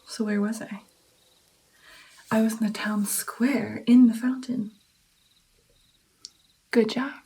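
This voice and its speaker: A woman playing a gentle vampire mentor in an ASMR roleplay, soft, breathy and mostly whispered, coaxing and encouraging her pupil with pauses. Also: fairly high pitch, fairly even intonation. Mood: softly instructive. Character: gentle female vampire patiently training her new darkling. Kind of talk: ASMR personal attention roleplay.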